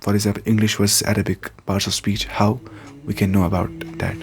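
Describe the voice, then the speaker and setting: A man's voice: on the low side, level tone, fairly quick, over music. A man teaching an introductory grammar lesson, repeating terms and examples and glossing each one in English. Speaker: Arabic teacher.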